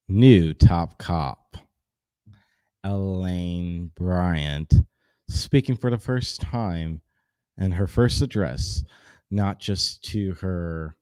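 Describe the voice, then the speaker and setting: A man with a very deep, warm voice hosts a news show, commenting in a loose, conversational way. The sound is dry and close, with no room echo.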